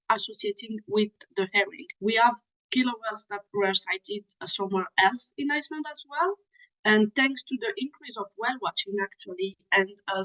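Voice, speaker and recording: A young Swiss woman who is a PhD student gives methodical, explanatory interview answers with frequent small pauses. Her voice is medium-pitched and fairly bright, though the audio quality is poor.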